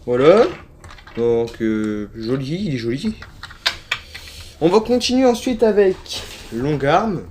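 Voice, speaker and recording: A man's voice: on the high side, expressive, takes it slowly, long pauses, a little mellow, slight background noise. A man chatting casually through a toy unboxing, hesitant and full of fillers, often correcting himself, filmed on a handheld phone. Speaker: toy collector vlogger. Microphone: handheld phone without tripod.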